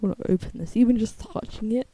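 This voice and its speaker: A woman's voice: fast, dark tone, slightly rough. A young woman in a casual, blunt, slangy ramble, her speech slightly lisped by the dental retainers she is wearing. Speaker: video creator. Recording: low-quality muffled microphone.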